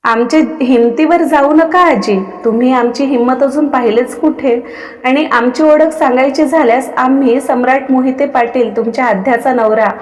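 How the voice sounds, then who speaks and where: A woman's voice: high voice, moderate pace, natural voice. A woman voicing an angry, domineering young husband who speaks in a commanding tone, recorded with long reverb. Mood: stern commanding. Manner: commanding, uses royal "we".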